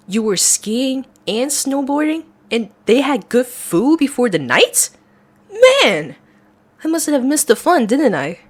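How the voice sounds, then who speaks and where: Fully in character, the young woman performs an excitable, playful best friend with a hidden crush in ASMR roleplay audio. Her voice is high and slow with a breathy edge, chatty and expressive, and the mood is excited and playful.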